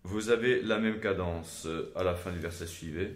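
A man teaching Gregorian chant in a measured, explanatory way, often pausing to hesitate, with short sung examples. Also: deep voice. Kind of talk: spoken lesson with sung examples. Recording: echoey room.

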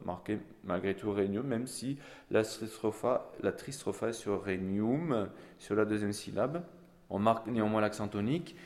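A man teaching Gregorian chant, explaining each phrase slowly with soft fillers and singing the examples himself. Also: fairly low pitch, in a large hall. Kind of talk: chant lesson with sung examples.

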